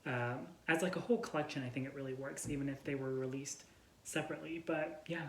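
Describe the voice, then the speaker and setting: A male book vlogger co-hosts a casual book chat with a friend, talking fast in a medium-pitched, fairly even, slightly bright voice. He speaks informally, filling his sentences with "like." The room is echoey with faint noise.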